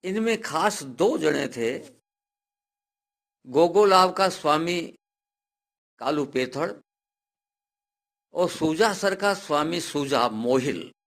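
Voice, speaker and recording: A man narrates a devotional folk tale in an unhurried, deliberate way. His voice rests somewhat high for a man. He builds the drama steadily and lets it break into loud, cried-out lines. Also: animated. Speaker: storyteller.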